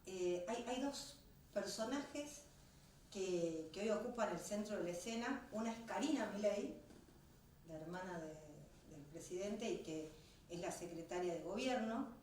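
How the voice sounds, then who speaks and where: A woman's voice: mid-range voice, animated, unhurried, darkish tone, slight background noise. Chatty Argentine woman host, echoey and distant. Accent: Argentine Spanish. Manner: friendly, admiring, chatty. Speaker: TV interviewer, host. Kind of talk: TV interview.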